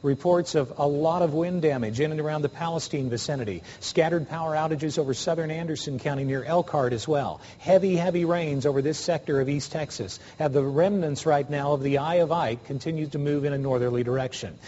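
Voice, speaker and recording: An American man gives formal, measured weather commentary on live TV. His voice is dark and soft-edged, a little high for a man. The sound is dull, with a long reverb. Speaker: TV weather forecaster. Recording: dull, reverberant broadcast with faint noise.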